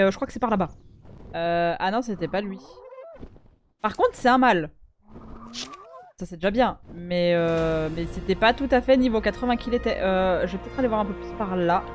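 A woman's voice: medium pitch, moderate pace, a little mellow, faint music behind. A woman hosting a gaming video, chatting casually with friends while she plays, full of hesitations and laughs. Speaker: gaming channel host. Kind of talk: casual gameplay chat with friends.

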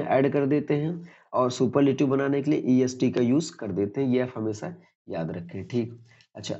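A man's voice: mid-range voice, warm tone. Man teaching grammar in a dull recording. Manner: repetitive, asks and answers own questions. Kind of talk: explaining grammar lesson.

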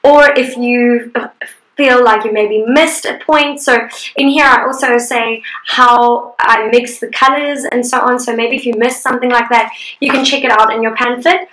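Bubbly high-voiced woman art instructor. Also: fairly even intonation, moderate pace, a bit bright. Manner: chatty and upbeat, laughs often. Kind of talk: live guided painting class. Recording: echoey room.

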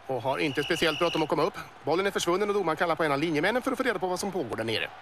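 A man voicing an excitable male boa snake who commentates a cartoon sports match, working up to yells at the goals. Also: on the high side, slight background noise. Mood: lively. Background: music.

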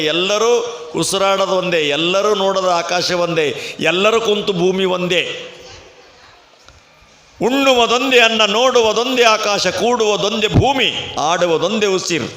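A man's voice: high voice, measured pace, pushed and bright. A male swami preacher with a North Karnataka accent delivers a storytelling sermon at a village fair, with rhythmic, verse-quoting phrasing. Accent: North Karnataka Kannada. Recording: echoey festival PA, faint noise.

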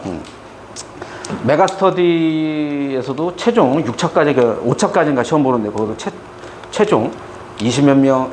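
A man's voice: mid-range voice, darkish tone, slight background noise. A middle-aged man teaching math to students in a classroom, chatty and joking as he tells stories between explanations. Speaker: math tutor. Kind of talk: lecture with storytelling asides.

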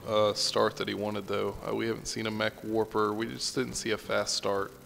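Gravelly low-voiced male match caster. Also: little pitch movement, moderate pace, a bit bright, slight background noise. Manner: casual, musing, trails off and restarts mid-thought. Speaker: match commentator. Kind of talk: esports play-by-play commentary.

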